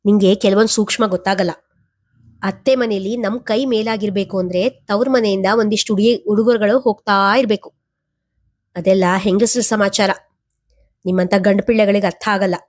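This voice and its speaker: A woman's voice: medium pitch, steady tone, normal speed, natural voice. A woman voicing a manipulative middle-aged mother who guilt-trips her son for money. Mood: wheedling. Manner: wheedling, guilt-tripping.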